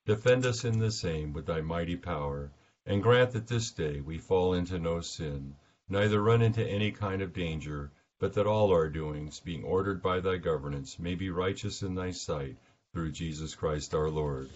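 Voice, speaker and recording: A man leading morning prayer as a minister, reciting liturgy in a solemn, measured, formal manner. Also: deep voice, a little mellow. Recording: dull lo-fi sound.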